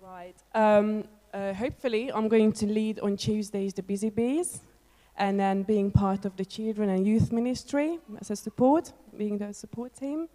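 A woman answers questions on a church stage, choosing her words carefully with many pauses. Her voice is warm and mellow, and a long hall reverb hangs behind it. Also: mid-range voice, steady tone. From Hungary. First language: Hungarian. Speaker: theology student on church placement. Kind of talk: hesitant spoken answers in an interview.

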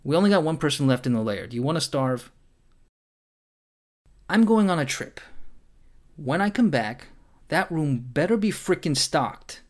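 A man's voice: a little high, lively intonation, moderate pace, long pauses, natural voice. A man playing a callous, nagging vampire housemate in scripted comic dialogue. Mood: bossy, exasperated. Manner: nagging, blunt.

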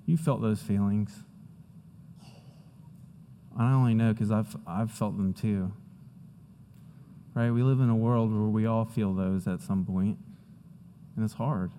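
A man preaching a sermon as pastor, earnest and emphatic, dropping to a hushed tone at times. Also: lowish voice, steady tone, a little slow, long pauses, big-room sound, a little hiss or hum.

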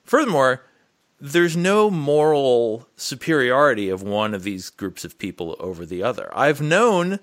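A man co-hosting a podcast, his pitch swinging widely as he rambles through a point with frequent restarts. He talks in the loose, easy way of a writing teacher chatting with a friend. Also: unhurried. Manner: animated, rambling, many restarts. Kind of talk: casual conversation.

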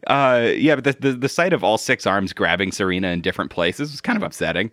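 A man's voice: lowish voice, animated, quick pace, a bit bright, no echo. A man co-hosting a podcast, giving a casual, jokey episode recap. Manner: jokey, laughs while talking. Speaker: podcast co-host.

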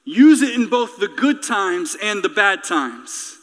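A man with a high-pitched, sing-song voice and a fairly bright tone preaches slowly yet with great passion. His sermon relies on emphatic, rhetorical, repeated phrases and closes in prayer, recorded with reverberant hall acoustics.

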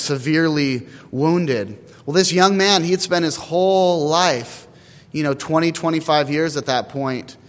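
A priest reads scripture, then slips into relaxed, conversational preaching with the odd filler. His voice sits a touch high for a man. The long reverb of a church carries every phrase. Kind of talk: scripture reading and homily.

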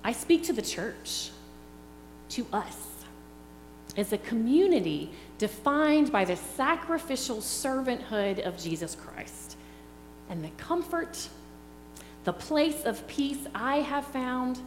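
A woman's voice: sits high, big pitch swings. A middle-aged woman preaching a sermon in an earnest, reflective way. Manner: slow, earnest, reflective delivery. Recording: echoey hall with faint hum.

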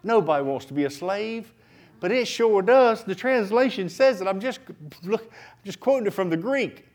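A man preaching a sermon in church, animated, swinging from loud outbursts to quiet asides and acting out prayers. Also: high voice, moderate pace. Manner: acts out prayers in dramatic voices.

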